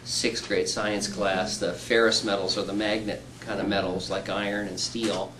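A man's voice: on the low side, level tone, normal speed, background noise. A middle-aged man, a surgeon, patiently explaining an operation to patients in plain words with homely examples. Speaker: weight-loss surgeon. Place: indoor room.

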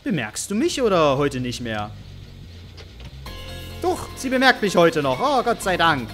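Man, animated teasing game commentary, high lively voice, soft music behind. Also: unhurried. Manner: animated, teasing, mock-taunting game characters. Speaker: gaming YouTuber. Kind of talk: let's play commentary.

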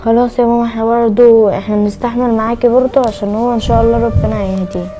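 A woman's voice: a little high, fairly even intonation, very fast, close to an everyday voice. A woman playing a hungry little Egyptian girl. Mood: soft plaintive. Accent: Egyptian Arabic. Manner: soft, soothing, plaintive. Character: hungry little daughter, gentle and comforting. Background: background music.

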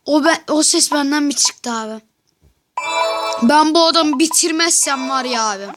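A woman giving casual game commentary to viewers, excitable and yelling at the game in frustration. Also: sits high, normal speed, over loud music. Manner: talks to viewers directly. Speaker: gameplay commentator. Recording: noisy background with mouse clicks.

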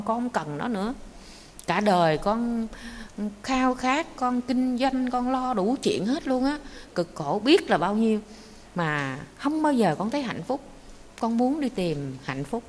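A woman voicing a wealthy middle-aged man who begs and shouts in search of happiness. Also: medium pitch, big-room sound, a little hiss or hum, lightly acted. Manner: pleading, then frantic shouting.

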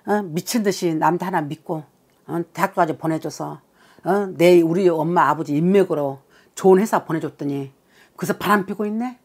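A woman's voice: fairly low pitch, normal speed, a little mellow, husky. A woman shaman giving a blunt, scolding consultation, swearing and bursting into emphatic outbursts. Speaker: shaman fortune-teller.

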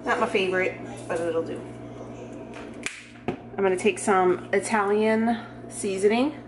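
A vlogger from the United States chats through her cooking in a mid-range voice, steady and measured. Filler words and self-joking run through her talk, and the camera mic, moving around the room, captures kitchen echo and noise.

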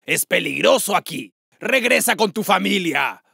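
A man voicing a fierce, huge Tyrannosaurus king in a children's cartoon, gruff and raspy, with booming, theatrical menace. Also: lively intonation, measured pace, sharp tone, no echo, studio quality, exaggerated voice. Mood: surprised, gruff.

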